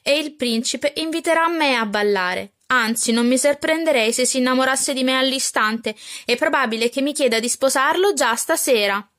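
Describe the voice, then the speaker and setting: A woman voicing a vain, boastful young stepsister in a storybook reading, shrill and quarrelsome. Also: moderate pace, hardly any pauses, fairly bright tone. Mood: boastful, squabbling.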